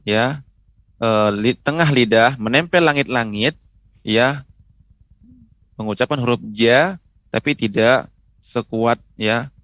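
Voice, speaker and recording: A man's voice: medium pitch, a bit bright, no echo. A man teaching Quran letter pronunciation on a TV lesson, patiently repeating syllables and tagging his phrases with "ya". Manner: patient, repeats syllables slowly with frequent "ya" tags. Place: TV studio.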